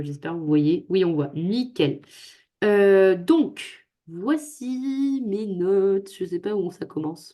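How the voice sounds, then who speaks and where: A woman's voice: medium pitch, a little mellow. A young woman tutoring students over a video call, chatty and joking at her own expense. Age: young adult. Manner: chatty, joking, self-mocking. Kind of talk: casual talk on a video call. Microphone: computer microphone on a video call.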